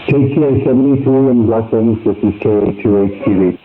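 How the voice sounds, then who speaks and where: A man's voice: fairly low pitch, moderate pace, narrow, tinny audio, a little hiss or hum. A man talking as a ham radio operator, heard over a ham radio link, chatty as he reports signals and his station gear.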